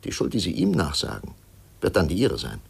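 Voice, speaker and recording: An actor playing a stern, persistent male interrogator in a 1950s radio drama, pressing and measured. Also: low-pitched, huge pitch swings, creaky, husky, full character voice. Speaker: investigator questioning a witness.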